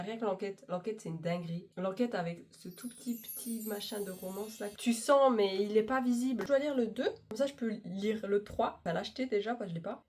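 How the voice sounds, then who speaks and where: A woman's voice: fairly high pitch, a little mellow. Gushing young woman chatting. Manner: gushing, fast-talking, self-mocking. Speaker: book vlogger. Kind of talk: casual chat to camera.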